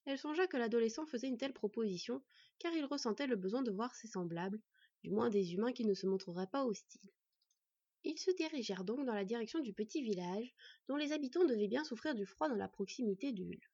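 Warm, breathy female audiobook narrator. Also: on the high side, expressive, fast, no room sound. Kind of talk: scripted narration. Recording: dull, dry recording.

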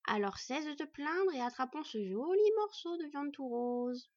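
A woman's voice: sits high, animated, no room sound, highs cut off, pitched above the performer's own voice. A woman voicing a greedy, boastful female giant spider that hisses and gloats over her prey in a storybook reading. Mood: mocking. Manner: hissing, gloating, drawn-out.

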